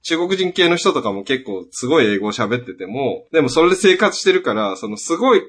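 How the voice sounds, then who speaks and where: Husky animated man chatting. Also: mid-range voice, a little fast. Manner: animated, storytelling, rising for emphasis. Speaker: podcast co-host. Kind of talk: casual chat.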